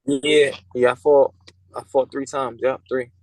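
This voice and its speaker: A young man in his twenties, from Puerto Rico and raised in Pennsylvania, talks over a video call as a boxer guest. His speech is halting and stop-start, full of fillers and repeats. The sound is dry, with no room echo. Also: medium pitch, level tone, darkish tone. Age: 20s.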